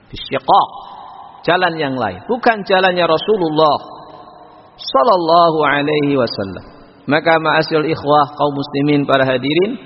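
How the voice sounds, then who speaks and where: Male preacher, measured lecture delivery, slow chanted Arabic lines, husky tone; dull lo-fi hall recording. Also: on the high side. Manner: measured, chants Arabic phrases slowly then explains. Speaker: Islamic preacher. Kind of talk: sermon-style religious lecture. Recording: lo-fi recording with long hall reverb.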